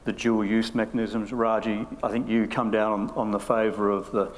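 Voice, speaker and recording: A man moderating a conference panel, posing questions deliberately. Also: lowish voice, level tone. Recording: hall reverb with faint noise.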